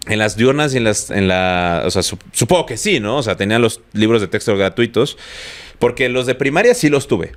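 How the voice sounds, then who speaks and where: A man's voice: lowish voice, brisk. A young Mexican man co-hosting a podcast, chatting casually with a posh, slangy way of talking. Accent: Mexican Spanish. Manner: relaxed, slangy, says he talks posh. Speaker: podcast co-host. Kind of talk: casual chat.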